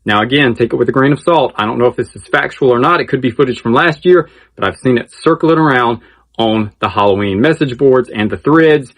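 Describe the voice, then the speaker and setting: A video channel host gives casual news-update commentary, chatty and enthusiastic, repeating phrases for emphasis. He speaks briskly with a medium-pitched, slightly bright voice.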